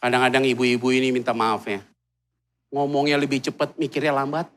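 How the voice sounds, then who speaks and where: Joking pastor with a lilt. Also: male voice, mid-range voice, little pitch movement, a little fast. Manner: playful, swings between quiet and loud outbursts. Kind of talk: humorous sermon. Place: large church hall in a mall.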